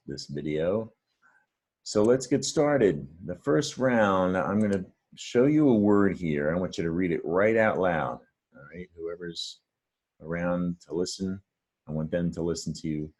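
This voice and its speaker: Low husky man teaching reading. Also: expressive, measured pace, a little mellow. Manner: patient, encouraging, explains step by step. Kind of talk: friendly reading lesson to camera.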